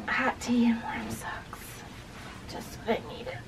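A woman in her thirties, soft-spoken and often whispering, narrates a casual vlog from a wooden barn at night and a farmhouse kitchen. Her voice is fairly high and creaky.

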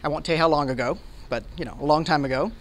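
A man in his forties, from Hawaii and Alabama with an American accent, talks very fast in a slightly high voice. He's a software product manager speaking at a conference, running an informal tech demo for a group in an indoor meeting room, explaining conversationally and checking in often with listeners.

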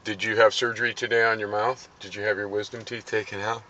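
A middle-aged caregiver driving a patient home chats casually in the car, coaxing with simple questions and repeating instructions. His lowish voice is level, fast, bright and forceful; filmed on a handheld phone, the dull audio carries clear vehicle noise.

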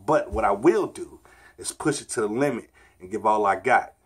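A man's voice: fairly low pitch, expressive, moderate pace. A man in his thirties talking casually to the camera in a fitness challenge vlog, recorded in a bedroom. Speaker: vlogger, father. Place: small bedroom at home. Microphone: camera on the floor a short distance away.

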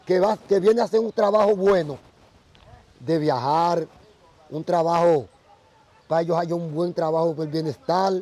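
A man's voice: sits high, mellow. A Dominican man, a Vodou priest, telling stories earnestly in a casual outdoor interview. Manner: earnest storytelling. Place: outdoors by a tree.

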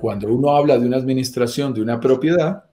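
Middle-aged male presenter, medium pitch, instructive explainer style for online video. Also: quick pace, warm tone. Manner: didactic, repeats key phrases and poses rhetorical questions. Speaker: property business presenter. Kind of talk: explanatory talk on a live video. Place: small room or home office, indoors.

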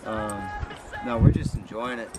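A man's voice: on the low side, little pitch movement, measured pace. A young man chatting casually on a camping vlog, easygoing and crude with his jokes. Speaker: vlogger's partner. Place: outdoors at a forest campsite. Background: music.

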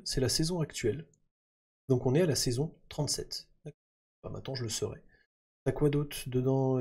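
A man's voice: mid-range voice, darkish tone, husky. A man chatting casually through gameplay, thinking aloud with lots of fillers. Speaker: gaming YouTuber.

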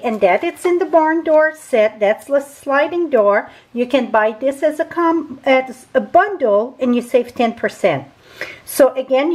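A woman with a French accent walks through a card-making project at her craft table. She talks slowly and casually, with a fairly high voice. She stops to correct small slips along the way. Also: darkish tone, rough recording. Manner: chatty, unscripted, with small grammar slips and self-corrections. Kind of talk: craft tutorial demonstration.

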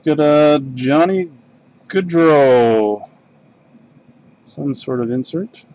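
A Canadian man's voice, a little high, expressive and slightly mellow, comes through lo-fi sound. He hosts a live card break from his home card room desk, opening packs and casually mumbling card names without any rush.

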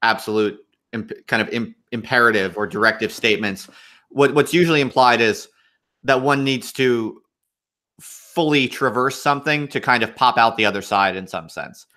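A man's voice: medium pitch, normal speed, sharp tone. A man hosting a livestream interview, asking questions politely with stumbling restarts. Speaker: host.

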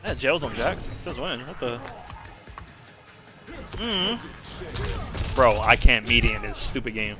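A young man streaming a fighting game, chatting loosely with his chat and reacting loudly to the fights. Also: mid-range voice, expressive, unhurried, long pauses, music in the background. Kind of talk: casual live-stream commentary while gaming.

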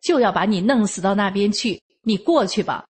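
A woman's voice: medium pitch, lively intonation, moderate pace, slightly rough. A woman reading aloud, voicing a bullying male police officer who curses and threatens. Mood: threatening. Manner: cursing, threatening, raised voice.

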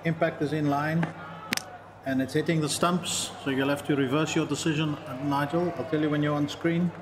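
A man's steady, slightly raised voice works through a review step by step, calm and procedural. The umpire feed sounds echoey, with noise behind it. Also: a little high, normal speed. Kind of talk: match officials' radio talk.

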